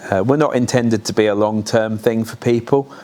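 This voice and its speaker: A man gives an explanatory interview as a charity representative. His voice sits fairly low. He talks in an unscripted, conversational way. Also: fairly even intonation, normal speed, a little mellow.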